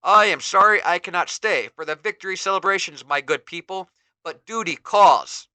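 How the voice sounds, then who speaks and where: He-Man, a man doing a booming noble hero. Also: lively intonation, moderate pace, bright, forceful tone, no echo, heavily acted, low-quality recording. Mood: heroic. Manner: grand declaiming heroic speech. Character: heroic mighty male warrior, noble and bold.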